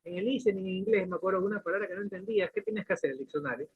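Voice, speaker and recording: Very fast and husky, a high-pitched man's voice runs through a classroom lecture. He leans on questions and everyday examples and restarts his sentences a lot, recorded in lo-fi, phone-like sound.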